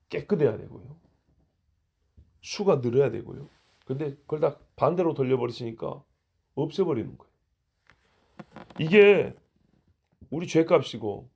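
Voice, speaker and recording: A man's voice: on the high side, gravelly, a little mellow, breathy edge. A male pastor giving an early-morning sermon in a conversational way, asking the congregation rhetorical questions. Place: church.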